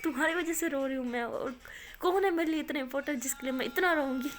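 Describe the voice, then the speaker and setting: A woman's voice: high voice, pitched above the performer's own voice, close to an everyday voice. A woman voicing a hurt, tearful young college woman who speaks reproachfully in a casual spoken story.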